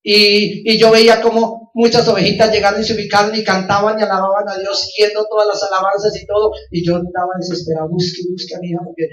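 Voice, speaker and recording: A man's voice: high-pitched, little pitch movement, fast talker, hardly any pauses, a bit bright. A man preaching as a pastor, telling a personal testimony with passion and often calling out to his listeners. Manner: impassioned, repeats phrases and keeps calling out to his listeners. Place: church. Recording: roomy, distant and dull church recording.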